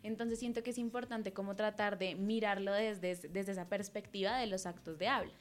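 Young woman, measured and thoughtful. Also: mid-range voice, fairly even intonation. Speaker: podcast co-host, student researcher. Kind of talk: casual radio chat.

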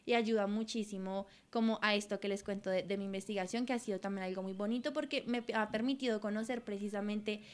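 A woman's voice: medium pitch, fairly even intonation, fast, few pauses. A young woman, co-hosting a podcast and explaining her student research in an earnest way. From Colombia. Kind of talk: casual radio chat.

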